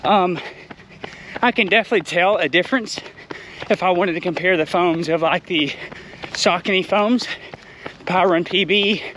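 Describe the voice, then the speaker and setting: A man's voice: sits high, normal speed, pauses often, pushed and bright, low-quality recording. A man giving a casual shoe review outdoors while running, speaking in short phrases. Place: outdoors on a run in an urban area. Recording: outdoor noise with passing vehicles.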